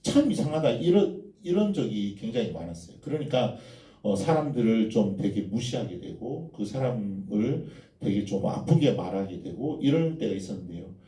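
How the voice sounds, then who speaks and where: A man's voice: lowish voice, lively intonation, moderate pace, hardly any pauses, mellow. Man, sermon, storytelling, far from the mic, echoey church hall. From Gyeongsang, South Korea. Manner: storytelling, addressing the congregation. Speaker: preacher.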